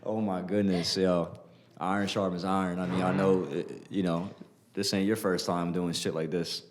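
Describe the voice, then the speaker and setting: A man's voice: sits low, level tone, normal speed. A man hosting a podcast in casual chat, laid-back and slangy, often saying "you know". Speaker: podcast host.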